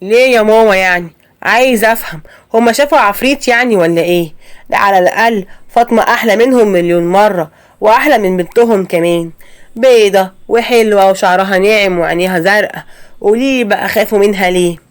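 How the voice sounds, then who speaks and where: A woman with an Egyptian accent voicing a young husband who firmly stands up to his mother in an animated story. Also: mid-range voice, fast talker, clear, resonant tone, lightly acted. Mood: exasperated. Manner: firm, exasperated. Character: young husband, fed up and protective.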